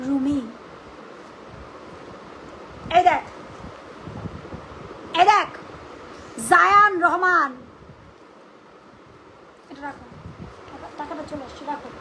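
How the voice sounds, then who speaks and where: A woman speaking unscripted on a livestream in an indignant, confrontational, shrill voice. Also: pushed and bright, slight background noise, low-quality recording. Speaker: live-streamer rebutting accusations about own family.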